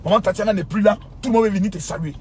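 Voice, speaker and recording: A pastor, a man, speaking to his followers in an impassioned, scolding rant. He repeats himself and swings from low muttering to shouting. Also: very fast.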